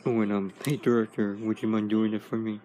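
In a home toy video, a man voices an easygoing male robot toy hero, rambling with lots of fillers and restarts. His voice is fairly low, mellow, and flat, lightly acted and delivered fairly quickly.

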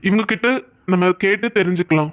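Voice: mid-range voice, fairly quick, natural voice. A voice actor playing a male village news reporter in a cartoon, speaking formally as he interviews people. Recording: dull lo-fi audio.

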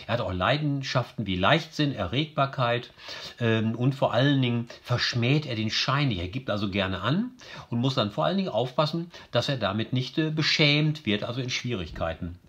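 Man, mid-pitch, casual explainer for students, lots of "ähm" and "ne", steady everyday voice. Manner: chatty, many fillers and tag questions, reads quotes aloud. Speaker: teacher explaining a novel. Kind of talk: informal lesson narration.

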